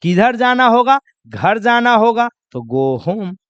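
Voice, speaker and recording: A man's voice: very high voice, big pitch swings, takes it slowly, a bit bright, clear, resonant tone, dry recording, muffled recording. A man teaching spoken English in a lesson, drilling example sentences and asking and answering his own questions. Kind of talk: classroom lesson.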